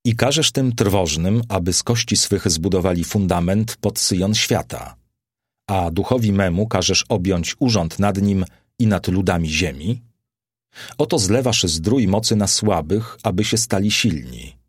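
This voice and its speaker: Old male apostle, fervent preacher, male reader, deep and husky, audiobook. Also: a little slow, no room sound, studio quality. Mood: rapturous. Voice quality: solemn, rising to exalted declamation. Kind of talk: audiobook character reading.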